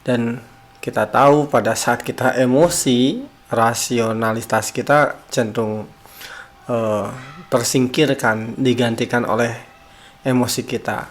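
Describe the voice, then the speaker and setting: A man giving a parenting lecture, explaining calmly and posing rhetorical questions. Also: mid-range voice, measured pace, pauses often. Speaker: parenting speaker.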